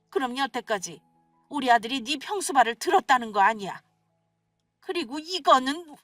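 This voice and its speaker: A woman voicing a shrill, scolding older mother-in-law in a radio story, with a nagging, accusing manner. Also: sharp tone, no echo, clean studio sound, recorded from a distance, exaggerated voice. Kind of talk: scripted radio story acting.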